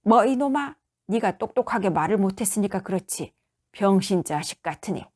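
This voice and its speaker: A woman voicing a loud, drunk one-armed middle-aged father who scolds in a Gyeongsang accent. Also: medium pitch, moderate pace, lightly acted. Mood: drunken scolding. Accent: Gyeongsang dialect. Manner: shouting, slurred scolding.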